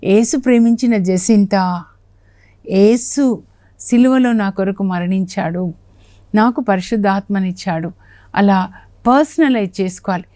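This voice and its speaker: A woman teaching the Bible on a television program speaks in a friendly, conversational way. She sits at a middle pitch and acts out the quoted lines with a raised voice. Her voice is recorded dry and close, with no room sound. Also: a little slow, long pauses, dark tone, dry recording. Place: television studio.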